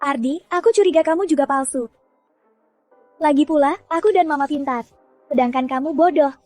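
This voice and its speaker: Casting: high, dry-voiced woman as a cocky young heroine, blunt and unbothered. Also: normal speed, a little mellow, no echo, faint music behind, lightly acted. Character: blunt, self-assured young woman, the true daughter. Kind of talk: dubbed drama acting.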